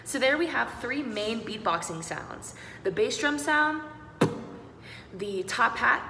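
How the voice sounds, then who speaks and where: A young woman teaches beatboxing in a bright, encouraging way and talks students through every sound. Her voice rings in a roomy space with a long reverb tail. Faint background noise hums under it. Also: mid-range voice. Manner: upbeat, encouraging, demonstrates sounds step by step. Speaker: singing teacher. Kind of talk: online beatboxing lesson.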